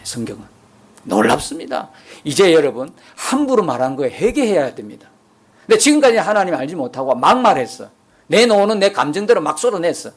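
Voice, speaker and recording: A man's voice: high-pitched, husky. A pastor delivers a Sunday sermon from the pulpit. His voice rises and falls across a wide range. He keeps pressing the congregation with pointed rhetorical questions. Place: church sanctuary.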